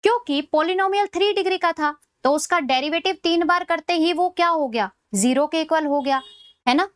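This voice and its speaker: A woman with a high voice teaches an exam-prep maths lecture, working through each step patiently and pausing to ask whether the class is following. She slows almost to dictation when reading out formulas. The recording is dry and close, with no room sound. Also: no echo. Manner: explains step by step, checking in with "है ना?" and "ठीक है?".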